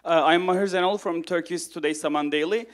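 A man's voice: on the high side, steady tone. A male journalist in a conference hall asking a pointed question from the audience. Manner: pointed, brisk.

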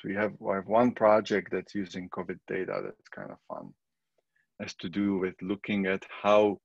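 A middle-aged man from the Czech Republic with a Czech accent, giving a relaxed, conversational recorded statistics lecture. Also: lowish voice, no room sound, dull audio. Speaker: statistics professor.

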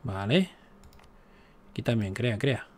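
A man's voice: fairly low pitch, expressive, slow pace, a little mellow, a little hiss or hum. Joking man narrating his strategy game. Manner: chatty, joking, exasperated asides to the game. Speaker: gaming YouTuber. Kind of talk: casual let's-play commentary.

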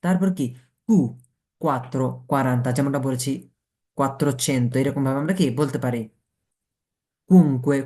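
A man's voice: medium pitch, fairly quick, long pauses, warm tone. A man teaching a beginners' language class, going letter by letter and asking and answering his own questions. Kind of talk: Italian pronunciation lesson taught in Bengali.

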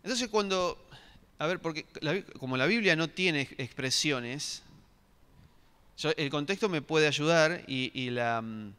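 A man's voice: fairly high pitch, lively intonation, unhurried, pushed and bright, clear, resonant tone. A middle-aged man, giving a sermon and asking the congregation questions, with many restarts. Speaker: pastor. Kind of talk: interactive sermon. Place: church hall. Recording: long reverb of a church hall.

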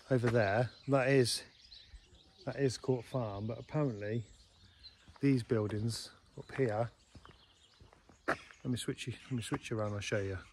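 Middle-aged man, chatty rambling vlogger, handheld camera at arm's length, faint outdoor noise behind. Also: medium pitch. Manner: chatty, rambling, often restarting sentences. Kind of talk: casual walking vlog chat. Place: outdoors in a village and inside a small stone church.

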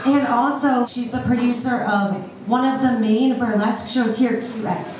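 Hosting a burlesque show, this woman in her thirties works the crowd with playful teasing banter between acts. She has a fairly high, darkish voice with fairly even intonation at a normal pace. The sound comes from a far camera recording her handheld mic in an indoor brick-walled club, echoey and noisy.

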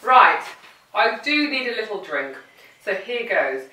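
Woman doing a cooking demo, chatty and playful, bright voice, echoey kitchen. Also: medium pitch, sing-song, slow pace. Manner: chatty, playful, talks to the food. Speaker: cooking presenter. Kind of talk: cooking demonstration. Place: home kitchen. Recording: roomy kitchen, mic at a distance.

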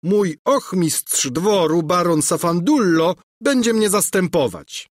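A man's voice: high voice, animated, slow, no echo, studio quality, voice pushed up, exaggerated voice. A man voicing a pompous, boastful young prince.

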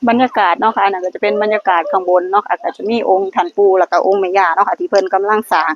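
A woman's voice: mid-range voice, fairly even intonation, rapid-fire. A woman with an Isan accent giving blessings and luck advice to her viewers at a temple, earnestly addressing them as brothers and sisters. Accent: Isan (Northeastern Thai). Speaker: vlogger guiding lottery luck prayers. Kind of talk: casual blessing-filled vlog talk. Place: temple grounds. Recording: dull lo-fi recording with faint noise.

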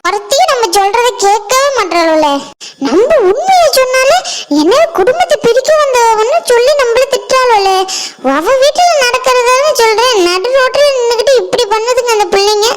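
In a cartoon, a gossipy village woman, voiced by a woman, begs anyone to hear her news. The voice is very high and shrill, with a whiny, pleading tone. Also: lively intonation, normal speed. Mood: grumbling. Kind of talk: cartoon voice acting.

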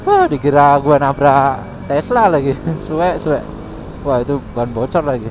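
A man giving casual motovlog commentary while riding a scooter in city traffic, chatty and quick to exclaim, recorded on a helmet intercom mic. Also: medium pitch, lively intonation. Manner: chatty, exclaims often, laughs between remarks. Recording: wind and traffic noise.

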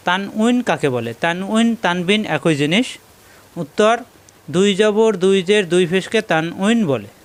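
A man with a Bangladeshi Bengali accent leads a question-and-answer lesson, his voice pitched high for a man. He takes his time and goes over each term again and again so learners can memorize it. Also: clear, resonant tone. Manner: slow, drilling, repeats key terms. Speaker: Quran teacher.

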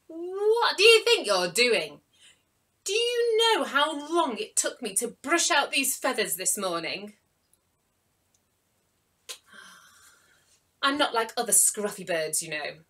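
A woman's voice: fairly high pitch, sing-song, measured pace, sharp tone, pitched above the performer's own voice, exaggerated voice. A woman voicing a posh, proud female pigeon who fusses over her shiny feathers in a storybook tale. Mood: indignant. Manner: posh, indignant then kindly.

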